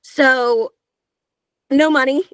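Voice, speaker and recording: A chatty woman from Georgia, US, who works as an audiobook narrator, speaks as an interview guest in a higher-pitched, younger-sounding voice that's a bit bright. She talks very slowly with fairly even intonation, full of filler sounds and restarts. The recording is low quality but has no echo.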